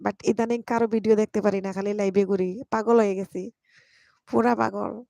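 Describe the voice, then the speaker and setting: Young woman, live-stream host, affectionate and teasing, gravelly edge, dry close phone mic. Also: medium pitch, fairly even intonation, moderate pace, mellow, dry recording. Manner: affectionate, greets viewers one by one by name. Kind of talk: casual live stream chat reading viewer comments.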